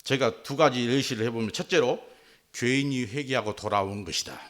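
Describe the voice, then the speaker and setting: A male pastor preaching a sermon in an animated way. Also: mid-range voice, brisk. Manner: animated, acts out quotes.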